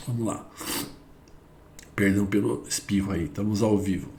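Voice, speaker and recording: A man's voice: lowish voice, noisy background. Brazilian man teaching in an echoey room. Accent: Brazilian Portuguese. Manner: explains step by step, repeats himself, exclaims "wow". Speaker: church teacher on addiction recovery. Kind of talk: live online teaching.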